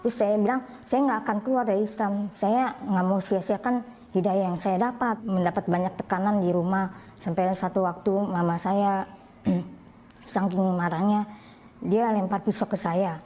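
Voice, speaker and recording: A young woman calmly tells her own story as a personal testimony, often jumping up in pitch when she quotes other people. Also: moderate pace. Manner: plain storytelling, rising high when quoting others. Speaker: convert sharing her story. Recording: faint background noise.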